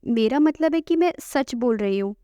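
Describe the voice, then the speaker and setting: A woman's voice: sits high, expressive, normal speed, mellow, dry recording. A woman voicing a playful, flustered young heroine, reading her lines plainly in a storybook recap. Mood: teasing. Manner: quoted plainly in the narrator's own voice. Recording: dull lo-fi, dry.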